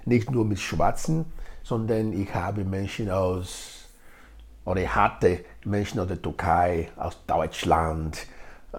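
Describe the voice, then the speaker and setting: A middle-aged Nigerian man whose native language is Edo answers interview questions as a guest, explaining things and repeating words for emphasis; he leads an integration project. His voice sits low with a darkish tone.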